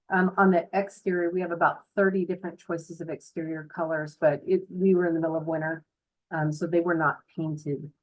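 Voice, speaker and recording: Chatty woman with a lowish voice. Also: low-quality recording. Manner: chatty, informal, explanatory. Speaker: home builder representative giving a tour. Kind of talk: casual narrated house tour. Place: voice-over talking over a tour video.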